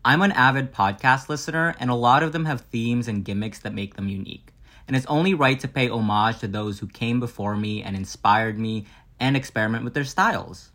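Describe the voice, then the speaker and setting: A man's voice: mid-range voice, fairly quick, fairly bright tone. Playful young man hosting a podcast. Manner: playful, self-mocking, trying on bits. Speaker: podcast host. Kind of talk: comedic solo podcast monologue.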